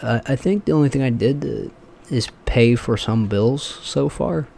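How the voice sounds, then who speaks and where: A man's voice: medium pitch, normal speed, gravelly, mellow. A man in his twenties hosting a casual podcast chat, rambling and swearing with lots of fillers and restarts. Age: 20s. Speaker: podcast host.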